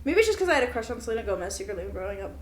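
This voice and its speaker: A young woman co-hosts a podcast, giggling and swearing plenty in an unscripted, casual chat between friends. Her voice is a little high and sing-song, and she talks rapid-fire.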